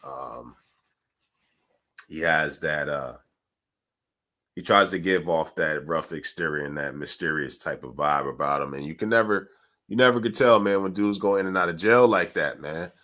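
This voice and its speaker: Deep voiced dude hosting a reaction channel, laid back, talking right to viewers. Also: male voice, moderate pace, sharp tone. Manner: casual, addresses viewers directly. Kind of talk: reaction video commentary.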